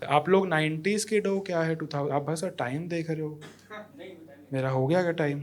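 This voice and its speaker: A man's voice: on the high side, moderate pace, heavy background noise. A man in his thirties performing a stand-up comedy set in a comedy club, teasing the audience and judges and acting out quotes. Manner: acts out quotes in other voices.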